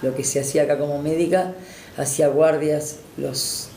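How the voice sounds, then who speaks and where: A woman's voice: deep voice, fairly even intonation, normal speed, dark tone. A woman in her sixties with a Rioplatense accent, a doctor recalling her past in a reflective, hesitant way. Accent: Rioplatense Spanish. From Argentina. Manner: reflective, with hesitations and tag questions. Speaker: doctor interviewee. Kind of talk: oral history recollection. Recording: roomy sound with faint noise.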